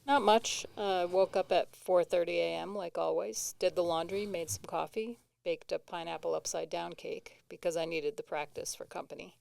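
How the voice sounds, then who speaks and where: A woman's voice: fairly low pitch, steady tone, moderate pace, vocal fry, hardly any pauses, a little mellow, dry recording. A woman with a New England accent co-hosting comedic banter in a matter-of-fact, dry way. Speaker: co-host.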